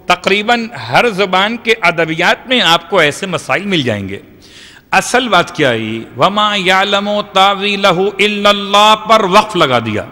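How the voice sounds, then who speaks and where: A man's voice: sits high, sharp tone. A man giving a religious lecture to a congregation, explaining points with rhetorical questions and recited Arabic verses. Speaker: Shia cleric giving a majlis lecture. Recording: long hall reverb.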